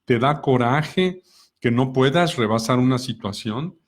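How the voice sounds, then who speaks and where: Calm man explaining with examples. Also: mid-range voice, unhurried. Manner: calm, explanatory, asks many rhetorical questions. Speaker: co-host of a personal growth talk.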